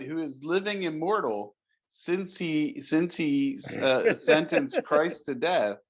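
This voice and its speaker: A man co-hosting a podcast, chatting casually and searching for words. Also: mid-range voice. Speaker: podcast co-host. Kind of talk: casual chat.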